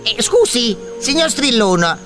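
A man's voice: very high-pitched, sing-song, takes it slowly, pushed and bright, faint music behind, full character voice. A man voicing a cocky, whiny, exasperated orc leader in a comic cartoon, talking in slang. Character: cocky, foul-mouthed male orc leader, whiny schemer.

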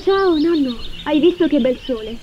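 High, sweet little girl Clara. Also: lively intonation, moderate pace, dull audio, background noise. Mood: cheerful. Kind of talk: parody cartoon dub.

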